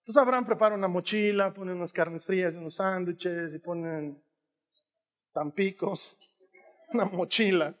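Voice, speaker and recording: A man in his fifties preaches with a high, bright-toned voice, turning the story into something lively and funny. He drives his points home through emphatic repetition. His words ring out with a long reverb in a large hall. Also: measured pace. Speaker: pastor. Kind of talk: sermon.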